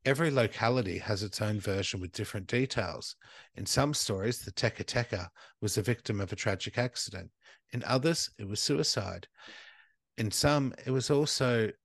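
A man's voice: on the low side, moderate pace, no room sound. A man co-hosting a casual podcast, reading out an urban legend and breaking into crude jokes. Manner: reads notes then jokes loudly, crude banter. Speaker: podcast co-host.

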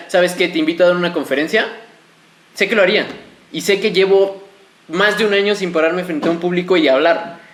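A man's voice: on the high side, fairly bright tone. A man, a podcast co-host in casual chat, who stops and repeats words as he thinks. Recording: echoey room.

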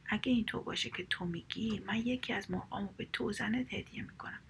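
A man's voice: sits high, creaky, a bit bright. A woman voicing a skeptical male farmer in a whispered role-play, blunt and doubting. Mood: doubtful whisper.

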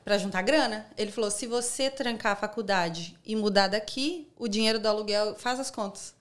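A woman's voice: medium pitch, normal speed. A young adult woman with a Brazilian accent, a podcast guest telling a personal story in a casual, slangy way and acting out the lines she quotes. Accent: Brazilian Portuguese.

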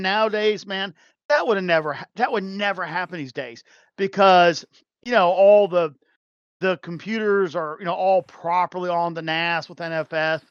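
A man's voice: sits high, no echo, muffled recording. A man talking casually as a podcast guest, rambling with lots of fillers and restarts and laughing easily. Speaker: podcast guest, game developer. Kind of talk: casual chat.

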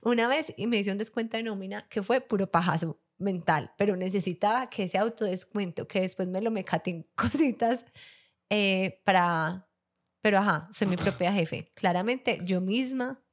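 A woman's voice: mid-range voice, moderate pace. A woman with a mid-range voice co-hosts a casual podcast. She reads listener stories aloud, stopping to comment and giggle along the way. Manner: reads aloud with frequent laughter and asides. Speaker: podcast co-host.

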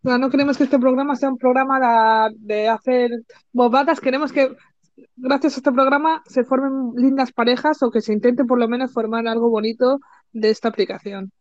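A woman from co-hosting a casual live show, quick to agree and move things along. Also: high-pitched, steady tone, no echo. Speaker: co-host. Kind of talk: casual live podcast chat. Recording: dull lo-fi sound.

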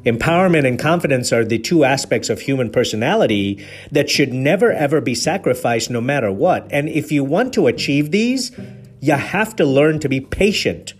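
An earnest man from Kenya delivers a motivational leadership talk in a middle-pitched voice. He preaches his points and keeps checking in with rhetorical questions. Soft music plays faintly behind him. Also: lively intonation, normal speed, slightly rough. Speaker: podcast host.

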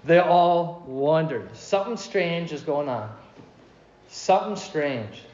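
A man preaching a sermon as pastor, animated and asking his congregation questions. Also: fairly high pitch, slow. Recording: echoey, dull hall recording.

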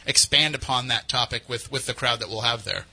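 A man's voice: mid-range voice, a little fast, vocal fry, sharp tone. A man hosting a talk show in a casual, conversational style. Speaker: radio host and paranormal lecturer.

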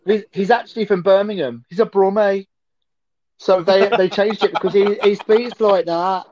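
Guy cohosting, high-ish voice, dull lo-fi sound, lots of laughing. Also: fairly even intonation, moderate pace, slight background noise. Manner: laughs often, warm thanks to callers. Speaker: podcast co-host. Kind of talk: casual live chat.

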